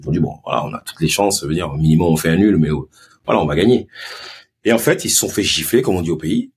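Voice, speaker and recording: A man with a Marseille accent talks in a casual podcast interview. His voice sits deep and low, with a husky grain. He tells stories in a lively, animated way, stumbling over restarts as he goes. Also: fast. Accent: Marseille French. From Ivory Coast and Marseille. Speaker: guest, former pro footballer turned sports marketing agency head.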